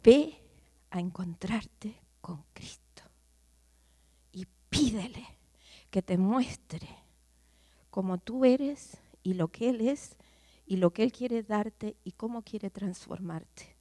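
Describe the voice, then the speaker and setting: A woman preaches to a congregation in a church, her voice pitched somewhat high and the sound dry and close. She swings from loud, fervent outbursts down to hushed, almost whispered lines. She keeps turning to the listeners with direct questions. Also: slow, no room sound. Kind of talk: sermon to a congregation.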